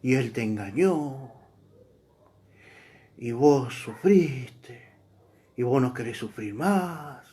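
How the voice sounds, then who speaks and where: A man imitating a male preacher who talks in a soft, slow, lulling soap-opera voice. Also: medium pitch, animated, husky, heavily acted. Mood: syrupy.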